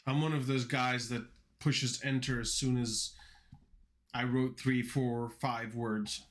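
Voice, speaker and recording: A young man who grew up with Dutch and Turkish chats casually on a livestream while coding, rambling along with plenty of fillers and restarts. His mid-range voice moves little in pitch, and he speaks slowly.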